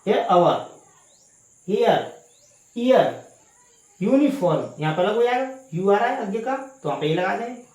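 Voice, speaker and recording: In an online English grammar lesson, a woman asks questions, answers them herself, repeats key words, and calls her students "guys." Her medium-pitched, slightly mellow voice swings widely in pitch, unhurried with long pauses, echoing in an indoor room during a power cut.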